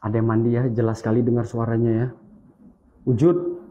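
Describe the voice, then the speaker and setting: Hushed man calling out to spirits. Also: mid-range voice, monotone, very fast, highs cut off, slight background noise. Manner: hushed, alert, calls out greetings to spirits. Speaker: ghost-hunting video host. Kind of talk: live paranormal investigation commentary.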